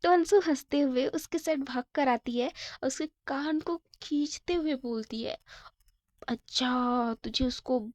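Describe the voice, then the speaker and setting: A woman's voice: sits high, moderate pace, hardly any pauses, darkish tone, no echo. A woman casually narrating a story in a chatty way, with repeated fillers.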